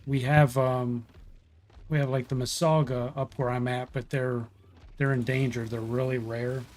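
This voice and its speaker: A man's voice: mid-range voice, flat delivery, a little slow, a little mellow. A middle-aged man from Ohio who works in wildlife removal, chatting casually and telling stories with lots of fillers and restarts. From Ohio, USA. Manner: folksy storyteller, many fillers and restarts. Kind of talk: casual livestream chat.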